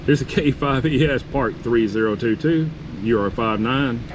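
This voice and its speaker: A man's voice: medium pitch, moderate pace. A courteous man working as an amateur radio operator, calling and repeating phonetic call signs outdoors. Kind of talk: radio contest-style calling, phonetic spelling. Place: outdoors at a campsite table. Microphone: camera on the table beside the radio. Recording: clear steady outdoor background noise.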